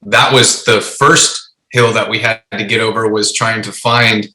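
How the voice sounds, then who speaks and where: Bright, forceful male voice in an echoey room. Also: on the low side, fairly even intonation, unhurried. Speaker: food truck co-owner. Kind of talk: casual interview answers.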